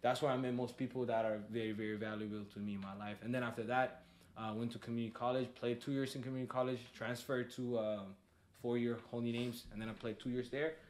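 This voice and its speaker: A young man from Ethiopia, guesting on a podcast and talking loosely, full of "like" and "um". His voice sits at a middle pitch. There is a faint hiss of noise behind him. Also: quick pace. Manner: relaxed, many fillers and "like". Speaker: podcast guest, soccer coach. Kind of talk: casual conversation.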